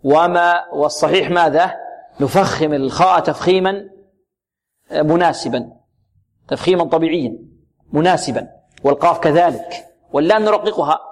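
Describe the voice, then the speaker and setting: A man teaching Quran recitation rules, drawing out words slowly and repeating syllables, asking and answering his own questions. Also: on the high side. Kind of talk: tajweed lesson with recited examples.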